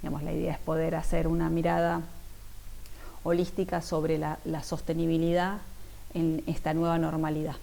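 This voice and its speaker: Low, gravelly Argentine woman speaker. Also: monotone, normal speed, mellow, poor audio. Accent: Argentine Spanish. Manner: hesitant, many fillers and restarts. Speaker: industrial designer giving a keynote talk. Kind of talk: conference keynote talk.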